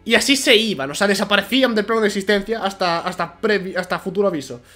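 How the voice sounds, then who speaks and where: A man from with a cold commentating a video game at a home microphone, half-shouting and rambling. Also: high-pitched, quick pace, faint music behind. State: has a cold. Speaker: gamer. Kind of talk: let's play commentary.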